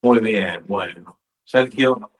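A man's voice: fairly low pitch, very slow, low-quality recording. A man, a reporter interviewing on site and repeating phrases for emphasis.

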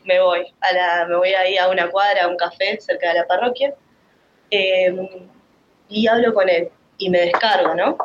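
A woman's voice: on the low side, steady tone, moderate pace, dull audio, slight background noise. A woman with a Rioplatense Spanish accent giving an emotional, rambling personal faith testimony, full of restarts.

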